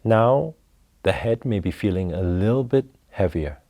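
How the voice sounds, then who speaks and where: A man leading a guided breathing meditation, talking slowly and calmly through each step. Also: lowish voice. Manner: slow, calm, instructive.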